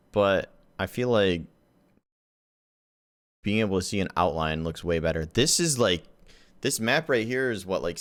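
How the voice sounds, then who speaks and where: Man, very low voice, casual reaction commentary, excited, slangy. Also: clean tone, dry recording, clean studio sound. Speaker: gaming YouTuber.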